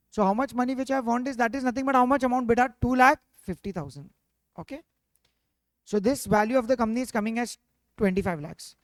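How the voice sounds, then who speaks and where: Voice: mid-range voice, no echo. A finance teacher with an Indian accent giving an interactive revision lecture, constantly prompting students with questions and dropping in the odd Hindi interjection.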